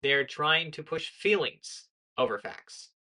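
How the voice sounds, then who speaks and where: A young adult American woman delivers casual political commentary in a low-pitched, unhurried monotone. Earnest and lecturing, she often corrects herself mid-sentence.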